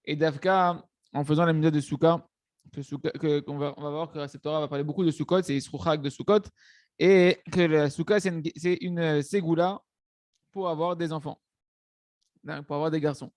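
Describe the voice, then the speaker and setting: A man a rather high voice teaches a religious text, checking in his listeners as he goes. He restarts phrases often and mixes in words. The recording is close and dry. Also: steady tone, normal speed, darkish tone, no room sound. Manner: hesitant restarts, frequent "hein" and "d'accord" checks. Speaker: Torah teacher. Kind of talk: religious lesson explaining a text.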